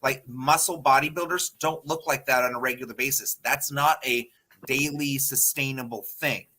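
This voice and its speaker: A man in his thirties co-hosting a casual podcast panel, talking in a blunt, animated way and swearing freely. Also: mid-range voice, normal speed, a little hiss or hum. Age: 30s. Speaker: podcast co-host.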